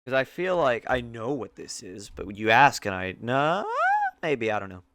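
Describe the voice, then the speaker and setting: Young man, podcast co-host, smooth clear voice, rambling, filler-heavy casual chat. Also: medium pitch, lively intonation, moderate pace, fairly bright tone, no room sound, clean studio sound. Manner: rambling, restarts, lots of fillers.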